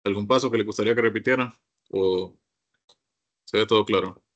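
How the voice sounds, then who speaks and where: A man's voice: fairly low pitch, brisk, highs cut off. A man teaching a computer course, walking his class through each step and often asking them to look. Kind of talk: screen-share software lesson.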